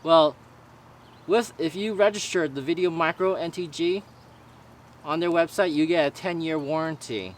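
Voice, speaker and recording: A man with a slightly high voice talks through a piece of gear as a reviewer. His delivery is casual and a bit halting, with stumbled words. The raw recording carries faint background noise. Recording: noisy raw camera-mic audio with ambience.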